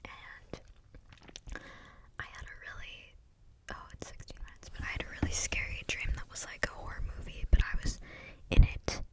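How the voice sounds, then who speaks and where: A young woman gives a rambling, unscripted ASMR talk in a breathy, clicky whisper, very close to the mic as if right in your ear. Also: moderate pace, long pauses. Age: young adult. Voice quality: breathy, unvoiced whisper with clicky mouth sounds. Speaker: ASMR video creator. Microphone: close microphone without cover.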